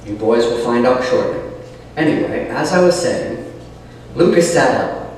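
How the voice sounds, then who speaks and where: A man's voice: mid-range voice, animated, unhurried, darkish tone, distant mic, a little hiss or hum. A man chatting and then reading his own novel aloud, sounding like he is in a cave through a cheap mic. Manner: chatty, rambling asides. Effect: cave-like echo.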